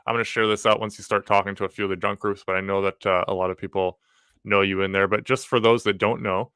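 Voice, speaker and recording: A man's voice: on the low side, little pitch movement, fast talker, fairly bright tone, smooth, dry recording, studio quality. A man hosting a casual conversational interview in an informal, friendly way. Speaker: podcast host.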